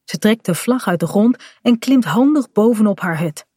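A woman calmly reading a children's story aloud in a gentle storytelling manner. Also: mid-range voice, normal speed, slightly rough, no echo, studio quality. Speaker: storybook reader.

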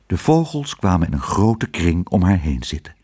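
Husky guy reading a kids story, really animated, voice all over the place. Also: low-pitched, normal speed. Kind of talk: children's story narration.

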